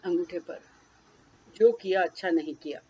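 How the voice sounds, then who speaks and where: Husky woman guiding a tapping session. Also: on the low side, moderate pace, warm tone, dull audio. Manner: names each tapping point, then a short first-person phrase to repeat. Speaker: tapping therapy guide. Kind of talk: guided emotional freedom tapping session.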